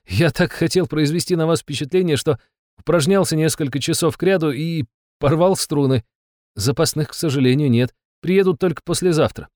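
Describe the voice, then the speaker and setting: A man's voice: on the high side, normal speed, a little mellow, no room sound, clean studio sound, voice pushed up, lightly acted. Man voicing a polite apologetic young mage. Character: reserved monster-hunter mage, young man.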